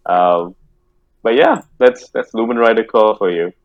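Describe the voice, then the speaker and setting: A man's voice: lowish voice, a little slow, muffled recording. A man acting as game master, narrating a tabletop game casually with lots of restarts and laughter. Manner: rambling, restarts, frequent laughs.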